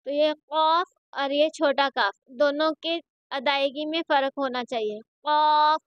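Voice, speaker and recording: A woman's voice: high-pitched, measured pace, no room sound, highs cut off. A woman teaching a Quran reading lesson, patiently reciting letters one by one and explaining how each is pronounced.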